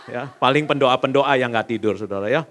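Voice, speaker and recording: Indonesian pastor storytelling in a reverberant hall. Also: male voice, a little fast, a little hiss or hum. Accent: Indonesian, casual Jakarta slang. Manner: storytelling, acts out voices in quotes, animated swings up and down in pitch. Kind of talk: sermon. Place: church hall.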